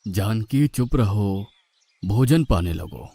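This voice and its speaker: Man voicing Rama, a calm, composed god. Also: lowish voice, takes it slowly, vocal fry, no room sound, full character voice. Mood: calm, instructing. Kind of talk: animated devotional story acting.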